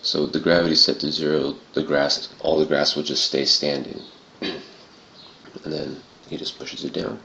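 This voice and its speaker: Very deep, gravelly man in casual tutorial. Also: steady tone, moderate pace, bright, forceful tone. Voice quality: gravelly, throaty. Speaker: tutorial presenter. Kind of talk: casual software tutorial narration. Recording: muffled, roomy home recording with clear noise.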